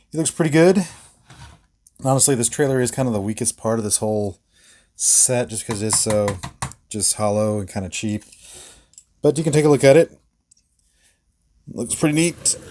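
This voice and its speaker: A man talks through a hands-on toy review in a loose, casual way. He fills the gaps with "uh" and "yeah" and laughs quietly to himself. His voice sits at an ordinary middle pitch. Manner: relaxed, rambling, many fillers and small laughs.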